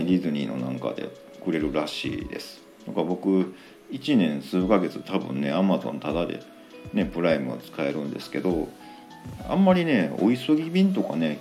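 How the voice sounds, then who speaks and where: A man with a very deep voice and a Kansai accent, chatting alone as a show host. He rambles and fills gaps with lots of fillers, and his pitch swings widely. Faint music runs under his talk. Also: gravelly, darkish tone. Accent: Kansai Japanese. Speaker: podcast host. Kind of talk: casual solo chat.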